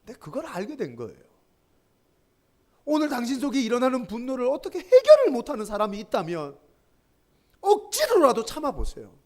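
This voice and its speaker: A middle-aged male pastor delivers a sermon to a young adults group, his high, darkish voice leaping up and down across a wide range. He leads call-and-response readings and acts out his own stories.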